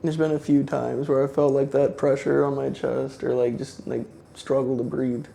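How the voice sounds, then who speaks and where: A man's voice: mid-range voice, flat delivery, normal speed, gravelly, warm tone, slight background noise. A man on a paranormal investigation, talking casually and hesitantly with many fillers. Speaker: investigator relaying spirit box words. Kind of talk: casual chat.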